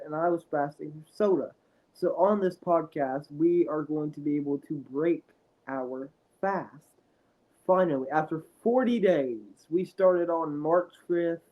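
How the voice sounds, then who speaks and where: Higher-voiced young man, a bit under the weather. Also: narrow, tinny audio. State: sick with a cold or similar illness. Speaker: podcast co-host. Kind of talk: casual podcast chat.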